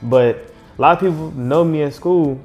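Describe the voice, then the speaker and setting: A man's voice: fairly high pitch, normal speed, darkish tone, soft background music. A young man co-hosting a podcast in casual chat, laid-back and confident. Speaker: podcast co-host.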